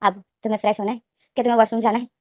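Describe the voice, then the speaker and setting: A woman's voice: on the high side, flat delivery, very fast, dark tone, no echo, clean studio sound, lightly acted. A woman voicing a domineering, cruel man who speaks in a cold, menacing way.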